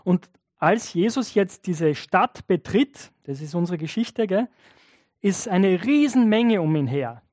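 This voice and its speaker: A man's voice: high-pitched, animated, measured pace, a little mellow, dry recording, studio quality. A man preaching a sermon, telling a story in a conversational way and addressing his listeners directly. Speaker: pastor.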